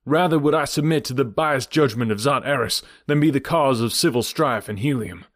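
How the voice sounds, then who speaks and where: A man reading the part of a noble hero who loudly commands a crowd to hold. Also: medium pitch, fairly quick, dry recording, studio quality, pitched above the performer's own voice, lightly acted. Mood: commanding. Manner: loud, commanding oration. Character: noble adult male hero making a stern plea to a crowd.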